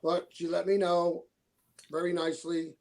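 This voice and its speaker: A man's voice: fairly high pitch, monotone, normal speed, darkish tone, poor audio. A man in his sixties hosting an interview, talking in a casual, upbeat and complimentary way. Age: 60s. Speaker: interview host.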